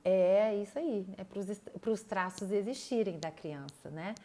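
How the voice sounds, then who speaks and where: Older Brazilian woman, mid-pitched, earnest casual talk with fillers. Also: a little slow, warm tone. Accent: Brazilian Portuguese. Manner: earnest, repeats words, hesitant fillers. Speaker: body analysis therapist.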